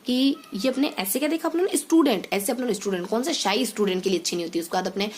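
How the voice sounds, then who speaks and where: A young woman teacher gives an exam-prep lecture using English words, explaining the material through mnemonics, repeating points, and correcting herself often. Her mid-range voice is darkish in tone and racing, with a little hiss or hum in the background.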